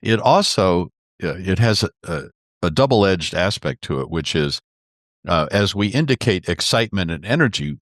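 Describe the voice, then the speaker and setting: A man speaking as a communication expert guest in an interview, explaining expressively and demonstrating pitch with his voice. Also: animated, normal speed, no echo, studio quality.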